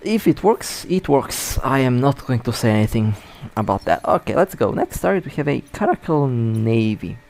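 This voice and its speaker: A man's voice: medium pitch, sing-song, normal speed, creaky, hardly any pauses, darkish tone. A man with hiccups giving casual, chatty live commentary while playing a space game, often stumbling and correcting himself. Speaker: mobile space game player.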